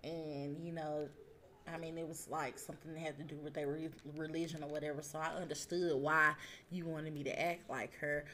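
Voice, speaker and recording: This woman, recording her grandmother, chats casually within the family, explaining things and repeating other people's remarks. She has a deep, a bit bright voice and speaks fairly quickly with a flat delivery.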